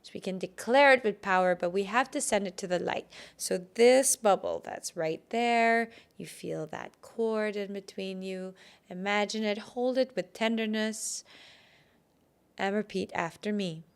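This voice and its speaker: A woman hosting a solo podcast, leading listeners through a guided visualization in a gentle, instructive way, repeating phrases with growing emphasis. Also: mid-range voice, a little slow, clear, resonant tone. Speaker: podcast host.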